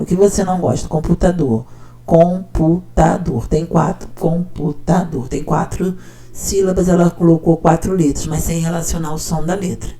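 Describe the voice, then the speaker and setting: Woman teacher, mellow tone, chatty explainer who keeps checking in. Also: deep voice. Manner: conversational, checks in with listener often. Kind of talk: casual explanatory talk.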